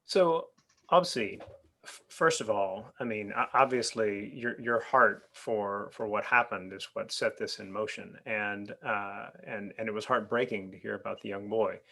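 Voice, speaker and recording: A man asks a question at an online club meeting, restarting and circling before he gets it out. His voice is gravelly and has a bright, forceful edge. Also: lowish voice, moderate pace. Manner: hesitant, many restarts. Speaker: club member asking questions.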